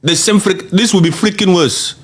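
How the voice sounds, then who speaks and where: A man whose voice sits high hosts a podcast at a moderate pace. Casual and animated, he reads viewer comments aloud, laughs often, and repeats phrases for emphasis.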